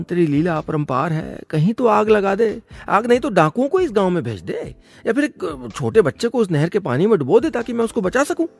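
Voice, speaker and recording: A man narrating a scripted story on his radio show, in a lively and expressive way. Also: on the high side. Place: radio studio.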